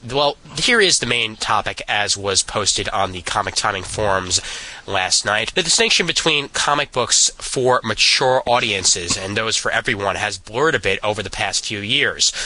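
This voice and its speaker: A man's voice: fairly low pitch, sharp tone, rough recording. A man in his twenties with a Brooklyn accent, casually hosting a podcast. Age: 20s. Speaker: podcast host.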